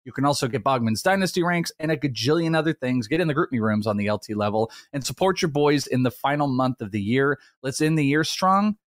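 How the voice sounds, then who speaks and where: Male podcast host, medium pitch, informal teasing chat, very dry studio sound. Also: animated, fairly quick, hardly any pauses, dry recording. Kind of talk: casual, bantering podcast talk.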